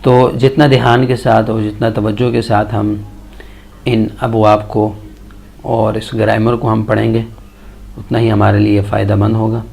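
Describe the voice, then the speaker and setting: A man recites Arabic verb tables in a low, gravelly voice. His delivery is flat and even, one form after another, like a patient classroom drill. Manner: chants verb conjugation tables in steady measured lists. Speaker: Quran and Arabic grammar teacher. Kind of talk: slow recited grammar lesson.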